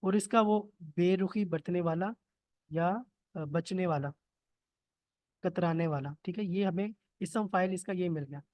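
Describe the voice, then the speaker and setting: A man's voice: sits high, unhurried, no room sound. Guy teaching grammar on a video call, patient, keeps checking everyone's following, dull lo-fi dry sound. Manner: patient, checks in with "theek hai?" often. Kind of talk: online lesson, explaining step by step. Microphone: computer mic on a video call.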